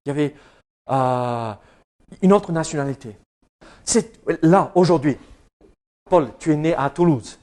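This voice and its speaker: High-voiced pastor with an English accent, slow sermon. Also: male voice, darkish tone. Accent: English-speaking accent in French. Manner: jokey, chats with the congregation, frequent hesitations. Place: church service.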